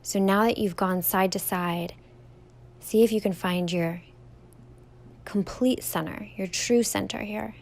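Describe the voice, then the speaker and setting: Leading a standing guided meditation, a young female yoga instructor speaks in a slow, soothing, gentle manner and softly lengthens her words. Her mid-range voice holds a steady tone with a creaky quality.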